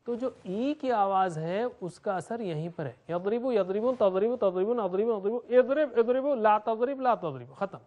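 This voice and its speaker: A man's voice: high voice, lively intonation, few pauses, narrow, tinny audio. A man teaching Quranic Arabic grammar, drilling verb forms in a rhythmic chant and explaining in between.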